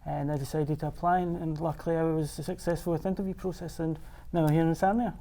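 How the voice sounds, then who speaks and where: Gravelly, dark-voiced Scottish man. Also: fairly high pitch, flat delivery, fast talker. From Scotland. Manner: hesitant, many uh fillers and restarts. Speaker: executive director. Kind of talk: studio interview.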